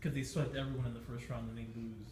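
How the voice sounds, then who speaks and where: Brief: male sports reporter, quick and curious, echoey room. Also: mid-range voice, level tone, darkish tone. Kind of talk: casual podcast chat. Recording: roomy echo, faint noise.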